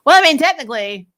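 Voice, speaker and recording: Here the recap host's voice sits in the mid range and sounds fairly bright. She reacts to live comments with casual, opinionated fan talk, blunt and exasperated and peppered with swearing.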